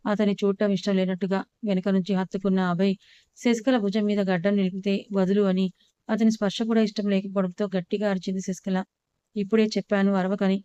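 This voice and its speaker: A woman's voice: medium pitch, flat delivery, quick pace, dark tone, clear, resonant tone, no room sound, highs cut off. A woman narrating a romance story and reading all the characters' lines in her own voice.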